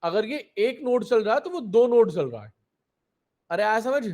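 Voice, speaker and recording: Young male tutor, high-pitched, patient step-by-step explainer checking in with students. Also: big pitch swings, moderate pace, darkish tone. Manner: explains step by step, keeps asking if students understood. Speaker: coding teacher. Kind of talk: live online coding class.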